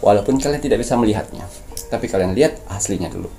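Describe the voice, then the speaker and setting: Low, mellow-voiced man giving mystical advice. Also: animated, fast. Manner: preachy, coaching tone, addresses viewers as "sayang". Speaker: spiritual medium.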